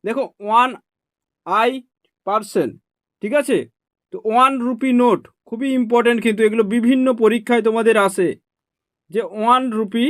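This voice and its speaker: A man's voice: extremely high pitch, no echo, clean studio sound. A man teaching an online exam prep lesson, explaining step by step and checking in with his students often. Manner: explains step by step, keeps asking "ঠিক আছে?".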